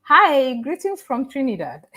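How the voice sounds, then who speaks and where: Speaking slowly in a high, bright, pushed voice with huge swings in pitch, an African-born woman in the Caribbean hosts a casual livestream. She reads out viewer comments, addresses people directly, and keeps restarting her sentences.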